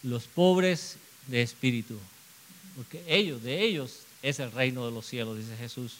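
A man's voice: medium pitch, a little slow, rough recording. A man preaching a sermon, earnest, asking rhetorical questions and repeating phrases for emphasis.

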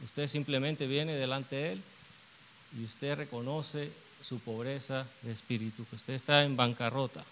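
A man's voice: mid-range voice, steady tone, measured pace, a bit bright, slight background noise, rough recording. A man preaching a sermon, earnest, asking rhetorical questions and repeating phrases for emphasis.

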